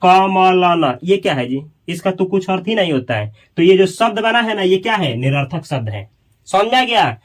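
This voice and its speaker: A man teaching a grammar lesson to school students, asking questions and slowly repeating key words. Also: sits high, animated.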